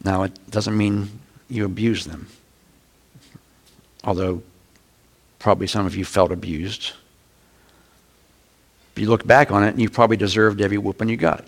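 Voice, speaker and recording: A middle-aged man, a pastor, preaching a conversational sermon with sudden loud shouts. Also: on the low side, steady tone, normal speed, pauses often.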